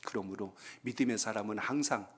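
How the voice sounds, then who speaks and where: A man's voice: on the low side, a little fast, fairly bright tone, slight background noise. A man, a pastor, preaching a Friday prayer-meeting sermon in a church, calling for amens and telling folksy jokes. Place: church sanctuary.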